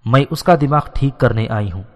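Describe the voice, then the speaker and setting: A man's voice: medium pitch, natural voice. A man voicing a furious, proud old queen mother who scolds bluntly, in a storybook reading. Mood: angry. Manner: indignant, scolding. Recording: long hall reverb.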